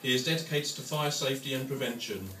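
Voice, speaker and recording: A man's voice: medium pitch, quick pace, sharp tone. Young British man's echoey, distant wedding toast speech. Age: young adult. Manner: dry, joking delivery to guests. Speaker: best man at his father's wedding. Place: large room with wedding guests. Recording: echoey, noisy room, distant microphone.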